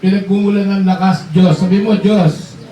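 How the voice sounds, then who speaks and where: A man preaching a sermon, calling out to the congregation, joking, and shouting at the high points. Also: flat delivery, normal speed. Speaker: bishop preaching. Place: large hall with a congregation. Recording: echoey hall from far off, crowd.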